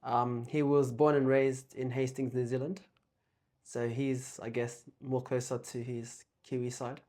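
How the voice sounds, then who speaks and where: A young man from Australia, a guest in a casual chat, talking softly and hesitantly with many pauses and ums. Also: mid-range voice, flat delivery.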